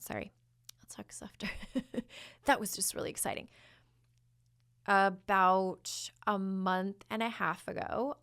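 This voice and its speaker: A woman hosts a spiritual podcast in a mid-pitched voice, talking in loose, rambling sentences full of restarts. She often drops into hushed, breathy passages and flowing chants of invented syllables before chatting on again. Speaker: podcast host, spiritual channeler. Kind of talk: casual spiritual guidance with channeled chanting.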